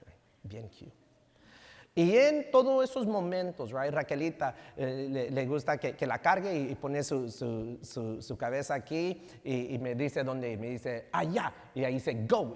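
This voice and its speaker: A man's voice: mid-range voice, a little mellow. A man in his thirties, a pastor preaching a sermon, telling family stories and mixing Spanish with English. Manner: code-switching between Spanish and English, storytelling. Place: church sanctuary. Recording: long church hall reverb.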